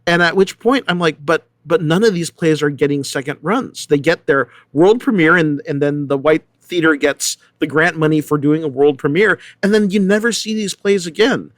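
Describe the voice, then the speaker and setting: With a fairly high pitch and a fairly quick delivery with hardly any pauses, a middle-aged man from San Diego, United States speaks with no echo. He's a theater artistic director being interviewed, talking casually as an animated, rambling storyteller who often hesitates and corrects himself.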